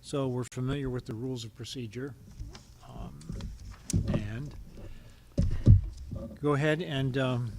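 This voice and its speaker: A man's voice: medium pitch, steady tone, measured pace, gravelly, long pauses, very noisy. A man chairing a town board meeting, speaking in an informal, hesitant way with many fillers and restarts. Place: town hall meeting room.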